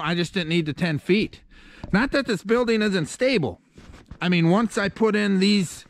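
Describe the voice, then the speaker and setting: Here a middle-aged homesteader, his voice sitting a touch high, vlogs a casual tour that moves from the snowy outdoors into a bare, unfinished wooden barn loft. His talk is folksy, plain and full of rambling fillers, captured with action-camera sound from a handheld or head mount.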